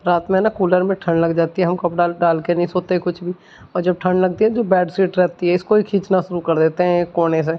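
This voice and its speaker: A woman's voice: fairly low pitch, level tone, fairly quick. A woman vlogging her morning routine in a home kitchen, talking through her chores in a chatty, homely way. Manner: chatty, homely, explains while doing chores. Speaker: village vlogger, mother. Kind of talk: casual vlog narration of daily routine. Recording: slightly dull lo-fi audio.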